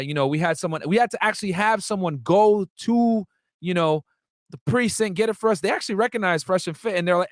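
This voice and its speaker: Young US man, livestream host, slightly higher pitch, dry close sound, chatty with fillers. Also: fairly bright tone, dry recording. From United States. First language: Arabic. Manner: chatty, many fillers and asides to viewers. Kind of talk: casual livestream commentary.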